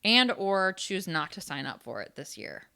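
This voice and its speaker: Woman, bright clear voice, frank casual podcast chat, filler-heavy. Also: lowish voice, normal speed. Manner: frank, animated, lots of "like" fillers. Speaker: podcast co-host.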